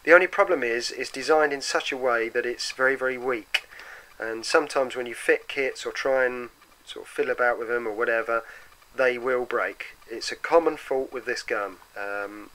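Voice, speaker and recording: A man with a gravelly voice, roughened by a bad cold and sore throat, giving a casual, explanatory hands-on product review. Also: moderate pace, pushed and bright, rough recording. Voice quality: gravelly, deeper than usual from a cold. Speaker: product reviewer for an airsoft custom shop.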